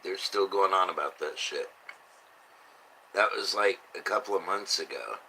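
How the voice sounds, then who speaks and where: A man's voice: low-pitched, moderate pace, bright, forceful tone, slight background noise, rough recording. A man who sounds drunk, rambling through casual, blunt, sweary commentary as he reads out headlines. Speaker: host reading and reacting to news.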